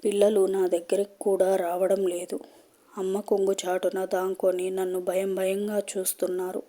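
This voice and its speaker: Woman, horror story narrator, hushed and slow, flat even delivery, mellow warm tone. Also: mid-range voice.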